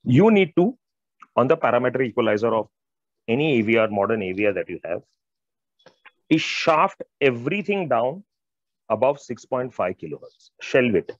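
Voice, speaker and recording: Speaking at a moderate pace with frequent pauses, a middle-aged man with an Indian accent uses a medium-pitched, sing-song voice to present technical material as an audio expert on a video call. He's informal and emphatic, repeats phrases, and addresses listeners directly. The audio from his wired earphones is dry, dull, and band-limited.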